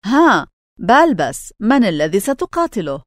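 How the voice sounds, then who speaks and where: A woman's voice: mid-range voice, big pitch swings, moderate pace, dry recording, clean studio sound. A woman playing a boastful, commanding man of influence in a storybook reading, with a self-assured manner. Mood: breezy.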